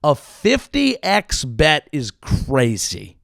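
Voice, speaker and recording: A man hosting his own show, delivering a profane, sarcastic comedic political monologue with sudden yelled outbursts. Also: fairly high pitch, huge pitch swings, slow, creaky, dry recording, studio quality. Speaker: comedian host.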